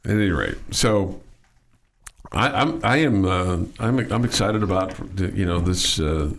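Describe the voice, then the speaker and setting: A man hosting a casual sports radio show, talking in a halting way and repeating words as he goes. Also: sits low, big pitch swings.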